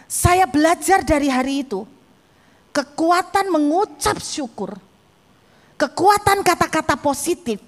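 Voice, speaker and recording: A woman pastor preaches, her voice pitched very high. She tells her story animatedly and speaks straight to the congregation. Her voice rings with the long reverb of a church hall. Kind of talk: sermon.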